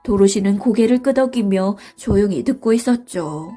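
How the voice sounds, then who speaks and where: A woman narrating a bedtime story in a soft, slow, soothing way, with faint music behind her. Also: medium pitch, lively intonation.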